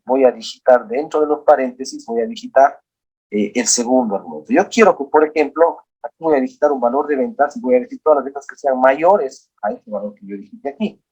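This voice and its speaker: A man teaching a software lesson, walking through each step aloud and often asking his students to look at the screen. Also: medium pitch, husky, poor audio. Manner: walks through steps aloud, often prompting "look here".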